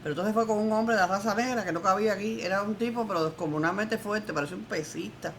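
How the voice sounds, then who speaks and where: Speaking quickly at a medium pitch, an older woman from Cuba, once a political prisoner, delivers defiant, emphatic testimony in an interview. Her Cuban accent comes through clearly, and there's a little hiss or hum in the audio.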